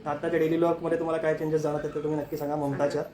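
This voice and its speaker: Guy on a family vlog, talks super fast, asks viewers for feedback. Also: fairly high pitch, monotone, crowd noise. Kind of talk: casual talk to viewers.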